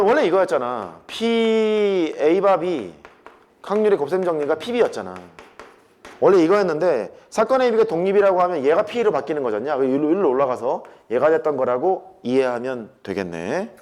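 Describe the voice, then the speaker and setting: A man's voice: a little high, darkish tone. A man teaching a math class, talking to students in casual speech and hammering points home by repetition.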